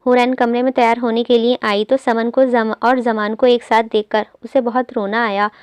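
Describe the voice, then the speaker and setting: A woman hosting her channel and reading a romance novel aloud in a steady storytelling manner. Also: on the high side, normal speed, smooth, dry recording. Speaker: audiobook narrator, channel host.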